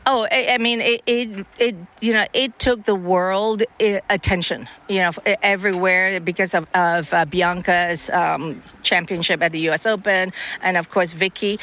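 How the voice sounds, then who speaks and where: A middle-aged woman from Hong Kong speaks as a tennis coach in a radio interview. Her voice has a bright, ringing tone. She talks in halting bursts with frequent fillers and restarts. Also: on the low side, fairly even intonation.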